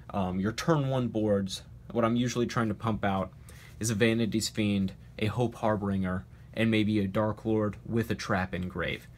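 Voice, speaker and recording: With a slight hiss or hum in the background, this card game channel host talks through a casual deck profile in a voice on the low side. A cold leaves him stuffy and nasal, but he stays confident and emphatic, often filling pauses with "uh" and "um."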